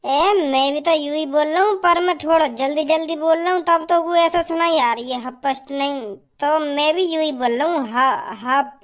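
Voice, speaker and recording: A voice actor playing a slow-witted village man in a cartoon, who stammers and grumbles. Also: high-pitched, a bit bright. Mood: defensive. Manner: stammering, confused, complaining. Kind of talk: cartoon comedy voice acting.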